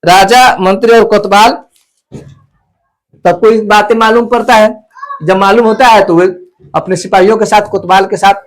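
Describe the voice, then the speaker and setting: Brief: male teacher, high voice, explanatory lesson narration. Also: steady tone, moderate pace, long pauses, poor audio. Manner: explanatory, repeats lines to clarify. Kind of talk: retelling and explaining a textbook play.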